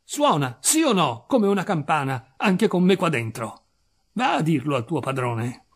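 A man reading a story aloud, voicing a raging old jar mender who shouts orders and yells in fury. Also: fairly high pitch, big pitch swings, unhurried, breathy edge, full character voice. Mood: bossy. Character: furious old male jar mender, trapped.

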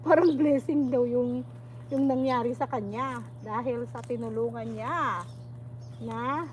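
Middle-aged Filipina vlogger, chatty and rambling, high voice, outdoor garden noise with birds. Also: female voice, darkish tone. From Philippines. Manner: chatty, rambling, reads viewer comments aloud. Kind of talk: casual live vlog chat.

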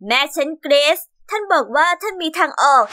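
Brief: young woman narrator, earnest first-person storytelling, bright and crisp, dry close-mic sound. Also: sits high, lively intonation, a little fast, no room sound. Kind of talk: scripted narration of an animated story.

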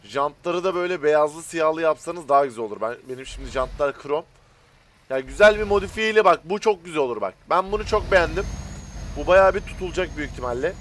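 A man speaking with a Turkish accent, giving casual, excitable gameplay commentary and chatting to his viewers as friends. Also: on the high side, fast talker. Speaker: gaming YouTuber.

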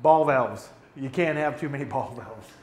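A man's voice: mid-range voice, normal speed. Man's voice echoing through a brewery. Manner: relaxed, practical, pointing things out while talking. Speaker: brewery owner. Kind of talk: casual equipment walkthrough. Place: brewery floor among steel tanks, indoors. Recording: echoey brewery room with faint hum.

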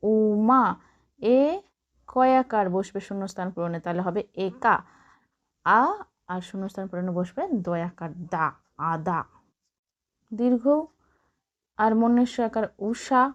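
A woman teacher from Bengal, slowly spelling out words letter by letter for young children and adding encouraging remarks. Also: medium pitch, dull audio. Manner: slow, drawn-out letter-by-letter spelling with encouraging asides.

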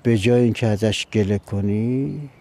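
A man's voice: lowish voice, warm tone, lightly acted. An actor playing a stern older father. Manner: firm, reproachful. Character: stern, authoritative family patriarch.

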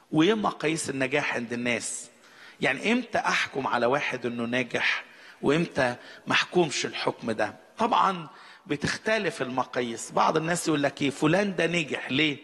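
A man's voice: a little high, husky. A male pastor with an Egyptian accent, preaching a sermon in a conversational way, asking the congregation questions. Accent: Egyptian Arabic. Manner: conversational preaching with rhetorical questions, grows animated. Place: church hall. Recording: reverberant church hall.

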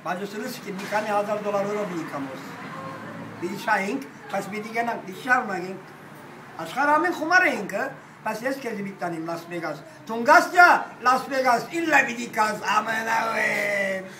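An older man holding forth at a cafe table, boisterous and rambling, swearing and breaking into loud outbursts. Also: high voice, expressive, moderate pace, distant mic, a little hiss or hum. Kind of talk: rowdy table talk. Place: cafe with glass front, indoors. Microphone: phone camera across the table. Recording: echoey room, voice off-mic, music behind.

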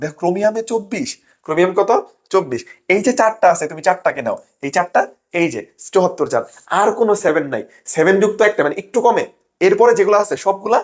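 A young man gives an exam-prep lesson at a rapid clip. His voice sits high. He keeps hammering each point home and checks in again and again that the students are keeping up. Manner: rapid, emphatic, keeps asking "ঠিক আছে?". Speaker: admission test tutor.

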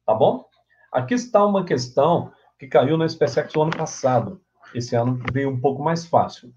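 A man's voice: a little high, animated, moderate pace, muffled recording, noisy background. A man teaching an exam-prep English grammar lesson. He explains step by step, asks himself questions and answers them, and often checks in with his students.

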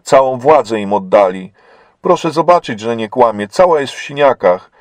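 A man voicing a bold young woman prisoner who pleads urgently and indignantly, raising his voice higher and louder. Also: lively intonation, moderate pace, dry recording, close to an everyday voice.

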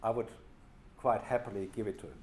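A man's voice: on the low side, a little fast, darkish tone. A man with a German accent gives an unscripted workshop update as program leader, restarting phrases and using plain informal wording. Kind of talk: workshop presentation. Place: workshop room.

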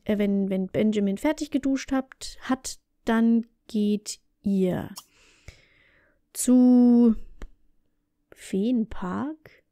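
A woman hosts a let's play in a relaxed, chatty way, often speaking straight to the characters on screen. Her voice sits a bit high but sounds soft and mellow, and her commentary stays casual throughout. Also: dry recording, studio quality. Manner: chatty, talks to the game characters.

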